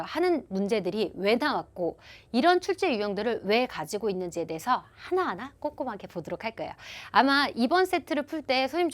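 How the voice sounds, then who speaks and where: A woman teaching an online English listening exam class, explaining answers and acting out example dialogues. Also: a little high. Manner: lively, animated explanations with acted-out dialogue examples. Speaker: TOEIC listening instructor. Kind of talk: online exam-prep lecture.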